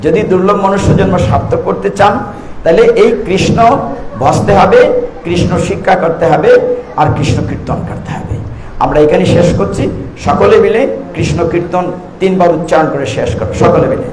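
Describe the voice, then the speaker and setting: A man's voice: high voice, fairly quick, noisy background. A man preaching a devotional scripture sermon in a temple, telling stories and asking his listeners questions. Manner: storytelling, asks the audience rhetorical questions. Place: temple hall. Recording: echoey hall sound.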